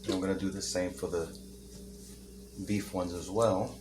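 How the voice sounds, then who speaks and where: A man's voice: low voice, steady tone, moderate pace, very noisy. A man hosting a casual home cooking video, chatting and joking as he works and eats. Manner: chatty, joking, talks while eating. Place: home kitchen. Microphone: camera mic, no camera operator.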